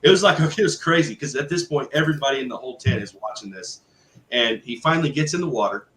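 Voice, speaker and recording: A man telling a story in a casual, lively way, with many fillers and acted-out quotes. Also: medium pitch, quick pace. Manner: animated, conversational, full of fillers and quoted speech. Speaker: guest telling a testimony. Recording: roomy echo with faint background noise.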